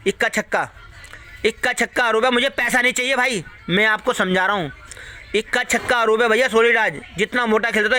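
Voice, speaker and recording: A satta tipster YouTuber with a high, pushed and bright voice rants casually at his viewers, warning them and handing out betting tips. He's repetitive and preachy, repeating himself a lot and swearing freely.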